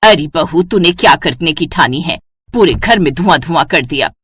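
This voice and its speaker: Older mother-in-law, nagging and sharp-tongued, lower scolding voice, done by a woman narrator. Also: expressive, normal speed, slightly rough, no room sound, exaggerated voice. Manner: scolding, exasperated.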